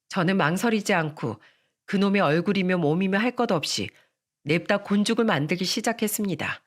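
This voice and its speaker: Woman narrating a story steadily. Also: medium pitch. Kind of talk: scripted first-person story narration.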